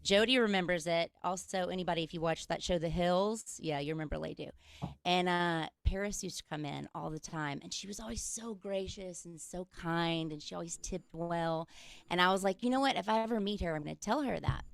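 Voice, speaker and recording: A woman's voice: on the low side, gravelly, no echo. A woman, telling self-deprecating comic stories as a guest comedian over a video call. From Mississippi, US. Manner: chatty, self-deprecating, quick asides. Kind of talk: stand-up style comic storytelling.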